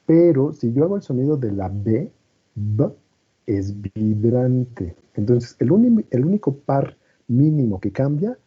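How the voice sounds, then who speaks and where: A man teaches a class, explaining patiently and frequently checking that students follow with "¿no?" and "¿vale?". His medium-pitched voice swings widely in pitch, moves a little slowly and has a breathy edge. The recording is muffled and lo-fi.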